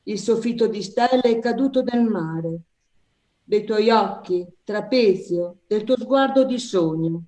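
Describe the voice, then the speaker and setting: A woman slowly reading her poem in a gentle, measured way. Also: mid-range voice. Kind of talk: slow poetry recitation. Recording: echoey room.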